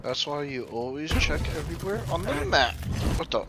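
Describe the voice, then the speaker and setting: A man's voice: on the high side, expressive, normal speed, very noisy. A young man commenting casually as he plays through a video game. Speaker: gamer playing a video game.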